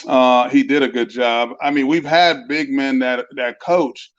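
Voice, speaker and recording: A man's voice: medium pitch, steady tone, measured pace, dry recording. Man coming through a video call. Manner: easygoing, rambling storyteller. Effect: heard over a video call with a spotty connection. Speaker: former pro basketball player turned coach, guest. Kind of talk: casual interview chat. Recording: dull lo-fi video call audio, dry.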